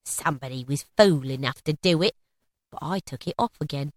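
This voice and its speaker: A woman voicing a gloating working-class woman thief in a storybook, callous and mocking, with rough, scornful, cackling speech. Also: low-pitched, a little fast, dry recording, clean studio sound, pitched below the performer's own voice. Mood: brazen, mocking. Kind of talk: storybook character acting.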